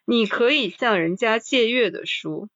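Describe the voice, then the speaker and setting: A woman in a casual podcast chat about books, reading list items slowly and then commenting with sighing interjections. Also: on the high side, a bit bright, no room sound, highs cut off.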